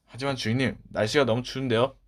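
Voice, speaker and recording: A man voicing an eager, polite young boy servant in a children's storybook, loud and earnest. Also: medium pitch, fairly even intonation, quick pace, natural voice. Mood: protesting.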